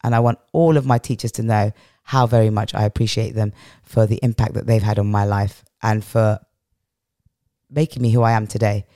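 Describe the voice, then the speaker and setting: She has a bass voice, steady and brisk with a dark tone, and it comes through clean studio sound with no echo. A middle-aged British woman from England with a strong, powerful voice, she is a podcast guest telling reflective personal stories and repeating phrases for weight.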